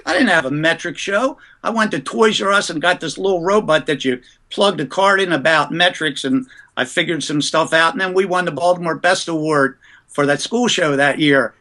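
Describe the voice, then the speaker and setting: A man from the US East Coast, a ventriloquist, telling lively anecdotes about his early career in a casual interview. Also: on the high side, normal speed.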